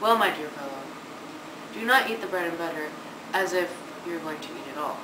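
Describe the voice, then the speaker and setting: A teenage-to-young-adult man performs in an amateur stage play for a student project, playing an idle, witty, smug young gentleman with formal, measured speech. His voice is a little high and lightly acted, delivering a lofty scolding. Filmed in a large indoor living room by a camera a few metres off, the audio is echoey and noisy.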